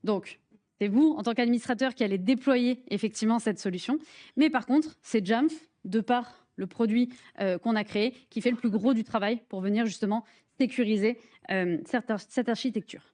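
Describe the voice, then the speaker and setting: A woman's voice: fairly high pitch, normal speed, dark tone. A woman with a French accent presenting a live hands-on workshop in a conference room, friendly and joking, with many fillers and restarts.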